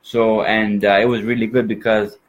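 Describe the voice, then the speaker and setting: A man's voice: on the low side, little pitch movement, normal speed, lo-fi sound. A man from Minnesota with an exaggerated Minnesota accent, chatting as an interview guest in a folksy, rambling way. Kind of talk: casual interview chat.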